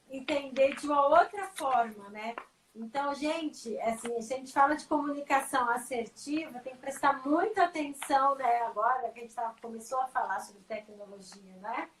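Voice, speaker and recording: A woman's voice: high voice, fairly bright tone. Echoey, distant Brazilian woman host. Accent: Brazilian Portuguese. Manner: agreeable, brief interjections. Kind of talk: casual live chat. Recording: distant echoey mic with faint noise.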